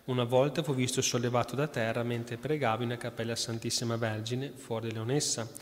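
A man reading aloud the life of a saint in Italian-style sermon fashion, breaking off into quiet conversational asides to his listeners. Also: medium pitch, flat delivery, fairly quick. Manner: reads then drops into quiet conversational asides. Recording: long hall reverb.

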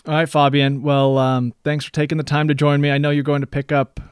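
A man's voice: on the high side, flat delivery, a little fast, smooth, dry recording. Chatty male podcast host, dry sound. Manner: chatty, meandering questions full of "you know". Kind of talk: casual interview.

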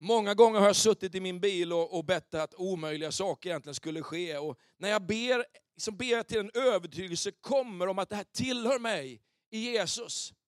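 High-voiced male pastor, animated sermon. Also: no echo, studio quality. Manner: animated, questioning the congregation. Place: church. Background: soft keyboard pads.

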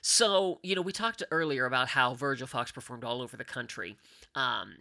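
A man's voice: mid-range voice, normal speed, gravelly, pushed and bright. A man from Pittsburgh, an organist, chatting casually in a conversation, hesitant with many fillers and restarts. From Pittsburgh, USA. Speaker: organist guest.

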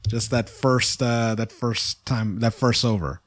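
A man's voice: medium pitch, fairly even intonation, measured pace. A man co-hosting a casual podcast, chuckling at his own jokes and stumbling over foreign words. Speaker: podcast co-host.

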